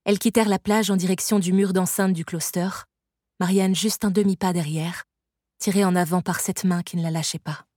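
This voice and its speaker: A woman narrating a fantasy story in a steady, measured audiobook reading. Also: on the low side, no room sound, clean studio sound.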